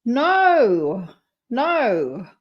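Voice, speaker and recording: A woman's voice: fairly high pitch, sing-song, extremely slow, muffled recording. A woman hosting a casual live stream, reacting to a clip and talking to her chat. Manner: chatty, reacting to a clip and reading chat aloud.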